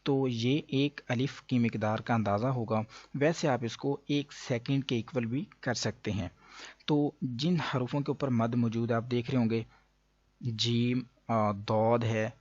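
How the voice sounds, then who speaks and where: A man teaching a Quran reading lesson. He explains each rule, then slowly drawls out the letter sounds for the listener. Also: medium pitch, no echo. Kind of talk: step-by-step recitation lesson. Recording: dull dry lo-fi recording.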